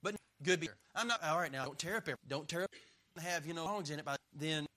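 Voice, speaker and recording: A middle-aged man preaching with a high, cutting voice that rings sharply at the top. He hammers each point home, trades quips with his listeners and leans on call-and-response. He is a pastor in full sermon mode. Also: quick pace, bright, forceful tone, slight background noise. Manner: emphatic, punchy and joking, with call-and-response.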